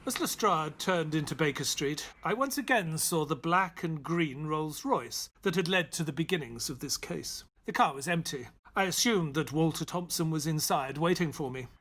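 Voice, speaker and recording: An actor voices a loyal, grieving gentleman who narrates a detective audio drama, measured and reflective in manner. His pitch is fairly high and his intonation lively.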